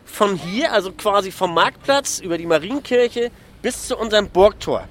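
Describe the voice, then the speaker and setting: Middle-aged man, city guide, lively and proud, pitched high, outdoors on a square. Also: normal speed, crowd noise. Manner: cheerful, proud, lively explaining. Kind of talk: explaining to a group of kids.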